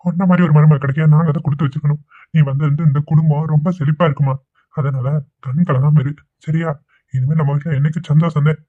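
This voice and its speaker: A man voicing a fast-talking fatherly uncle. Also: fairly high pitch, steady tone, no room sound, natural voice. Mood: reassuring. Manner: affectionate, coaxing, fatherly. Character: kindly reformed father-in-law, middle-aged man. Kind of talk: amateur cartoon voice acting. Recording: dry, tinny phone-like sound.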